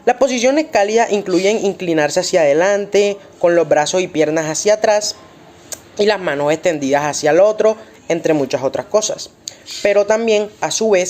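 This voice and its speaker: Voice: medium pitch, darkish tone. A student presenting in class, reading points aloud as a list.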